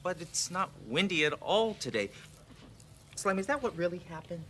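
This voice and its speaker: A man's voice: sits high, sing-song, moderate pace, very noisy. A middle-aged man playing a caring, sensible neighbor, earnest and reassuring, in a children's show.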